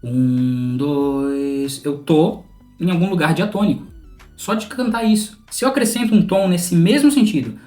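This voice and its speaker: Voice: mid-range voice, expressive, fairly quick, darkish tone. A music teacher with a Brazilian Portuguese accent, methodically explaining music theory straight to the viewer. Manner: patient, methodical, speaks directly to the viewer. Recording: roomy sound with a faint instrumental drone.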